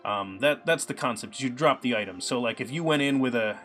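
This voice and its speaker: A man chats through a live coding stream in an easygoing, meandering way, filling pauses with ums and uhs. His voice sits at an ordinary middle pitch and is a little scratchy from a cold. Soft background music plays faintly under him. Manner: relaxed, chatty, many ums and uhs. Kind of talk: casual live-stream talk.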